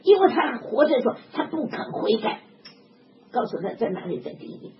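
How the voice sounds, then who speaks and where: An older woman preaching a sermon in an animated, emphatic way, often chuckling. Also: a little high, moderate pace. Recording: dull lo-fi recording with background noise.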